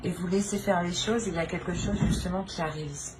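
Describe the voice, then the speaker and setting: A fast-talking woman with a steady tone and a voice on the low side does an unplanned tarot reading for her channel's viewers. She hesitates, repeats phrases, and keeps adding "hein." Noticeable background noise can be heard.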